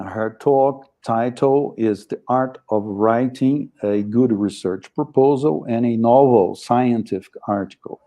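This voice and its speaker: A man chairing an academic event, speaking formal, hesitant non-native English in a polite, deliberate manner. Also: medium pitch, dark tone. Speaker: session chair introducing speakers.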